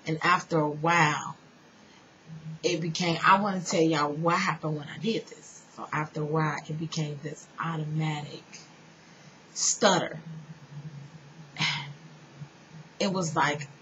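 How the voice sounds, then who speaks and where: A woman giving an earnest personal spiritual testimony, speaking straight to her listeners and dropping now and then to a soft whisper. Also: low voice, steady tone, a little slow, long pauses. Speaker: spiritual storyteller. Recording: dull lo-fi sound with faint noise.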